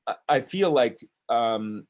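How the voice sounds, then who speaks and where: A man's voice: medium pitch, expressive, slow pace, darkish tone. A man speaking as a business owner and guest on a panel discussion, hesitant and full of restarts. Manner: hesitant, with many restarts and fillers.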